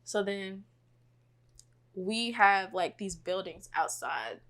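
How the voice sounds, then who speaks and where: A woman's voice: mid-range voice, lively intonation, slow, fairly bright tone. This is a young woman co-hosting a casual podcast. She tells her stories easily, with a loose, chatty flow. She throws in "like" all the time and breaks into laughter at the funny parts. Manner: laid-back, heavy use of "like", laughs through stories. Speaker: podcast co-host. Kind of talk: casual storytelling chat.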